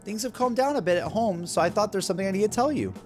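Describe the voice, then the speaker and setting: A man voicing a polite, gentle young woman as he reads her messages aloud. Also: high voice, animated, fast talker, faint music behind, pitched above the performer's own voice. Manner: polite, gentle, formal phrasing.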